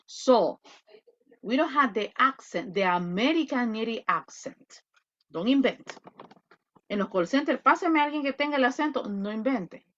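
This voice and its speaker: A Salvadoran woman teaching an online class, talking bluntly with animated asides. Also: on the high side, unhurried, muffled recording. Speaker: English teacher.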